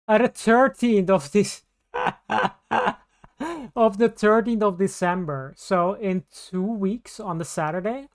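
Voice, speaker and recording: A woman streamer chats casually with her viewers, rambling and often restarting mid-sentence. Her voice sits low and sounds smooth and clear. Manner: rambling, scattered, with many restarts. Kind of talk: casual live-stream chat.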